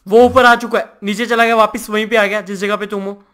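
A man's voice: high voice, flat delivery, a little fast, a bit bright, clear, resonant tone. A man hosting a gaming channel, chatting and teasing his friend during casual gameplay banter. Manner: teasing, joking.

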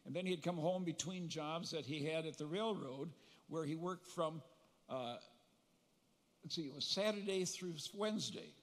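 An older man stands at a podium microphone giving a eulogy for his brother. His voice sits a little high for a man, and he tells family anecdotes with gentle humor, pausing now and then to recall details. Long reverb from the large funeral hall trails behind each phrase. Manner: reminiscing storyteller, gentle humor, pauses to recall.

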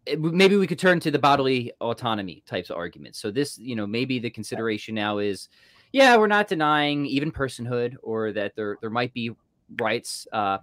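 A man hosting a podcast interview, speaking in an affable, chatty way and quick to agree with his guest. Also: mid-range voice, big pitch swings, fairly bright tone, no room sound, clean studio sound. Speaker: podcast host. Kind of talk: casual interview chat.

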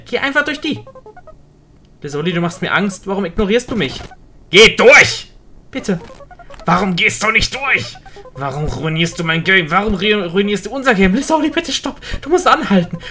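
A woman's voice: mid-range voice, a bit bright, pitched above the performer's own voice. Woman reading a clingy boy buddy's pleas. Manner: pleading, rising to frantic begging.

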